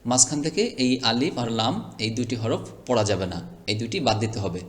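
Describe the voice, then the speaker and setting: A man's voice: medium pitch, lively intonation. Man patiently spelling out Quran lessons. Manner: slow, deliberate spelling out of letters. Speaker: Quran reading teacher.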